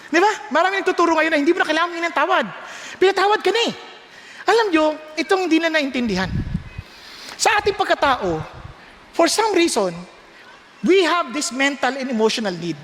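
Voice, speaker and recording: High-voiced older preacher in a reverberant hall. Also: male voice, fairly bright tone. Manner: preaching in mixed Tagalog and English, with questions to the congregation. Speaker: pastor. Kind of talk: sermon.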